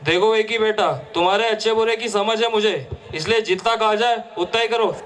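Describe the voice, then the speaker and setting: A man's voice: high voice, fairly even intonation, brisk, fairly bright tone. A man playing a stern, nagging middle-aged father talking on the telephone to his son, admonishing him in an amateur stage play.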